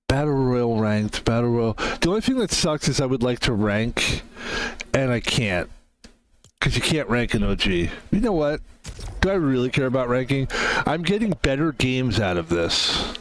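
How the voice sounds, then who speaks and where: A man's voice: medium pitch, sing-song, normal speed, poor audio. A man in his fifties chatting casually as a game streamer, rambling and interrupting himself. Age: 50s. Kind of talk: casual gaming stream chat.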